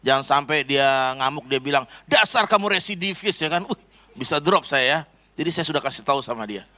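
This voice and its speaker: A man's voice: medium pitch, fairly quick, pushed and bright. A man preaching a personal testimony, telling his story animatedly to the congregation. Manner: storytelling, addresses congregation as saudara. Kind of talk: sermon testimony.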